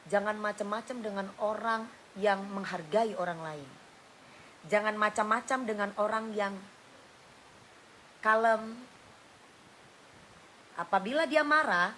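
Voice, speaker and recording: A woman's voice: medium pitch, sharp tone, slight background noise, rough recording. A middle-aged woman, a singer on a phone livestream, talking casually and bluntly, scolding and lapsing into coarse slang. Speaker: singer doing an Instagram live.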